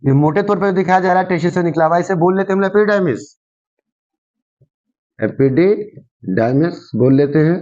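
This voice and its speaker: In a class lesson, a male science teacher explains a diagram in a high, slightly mellow voice, repeating each key term twice and asking the viewer "what is it called?" He talks rapid-fire with hardly any pauses, and the recording is muffled and lo-fi.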